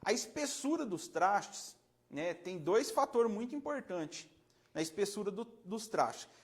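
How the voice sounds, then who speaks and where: A Brazilian man, a luthier, explaining frets casually in a relaxed, rambling way, demonstrating with his hands and often checking the viewer is following. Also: sits high, measured pace. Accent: Brazilian Portuguese. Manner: relaxed, rambling, self-correcting.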